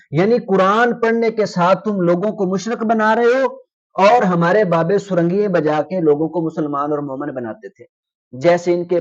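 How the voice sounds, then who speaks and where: Man, host, rebuking commentary, indignant, high voice, muffled sound. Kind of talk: critical religious commentary.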